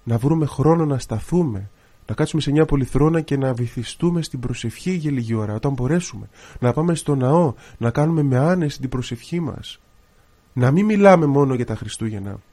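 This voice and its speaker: A man's voice: mid-range voice, expressive, dark tone. A man, a priest and radio host, preaching an earnest sermon on air and exhorting listeners with repeated phrases.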